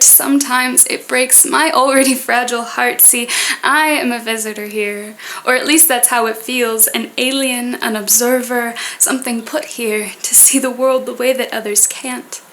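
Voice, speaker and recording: A woman performing spoken word poetry in an earnest manner, with deliberate, poetic phrasing. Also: fairly high pitch, steady tone, fairly bright tone, poor audio.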